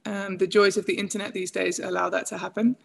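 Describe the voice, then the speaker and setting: Woman in her thirties, coach on a podcast, chatty and warm-toned. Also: medium pitch, level tone, fast talker, gravelly. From England. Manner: chatty, laughs often, many fillers. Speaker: guest, emotional intelligence coach. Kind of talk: casual interview talk.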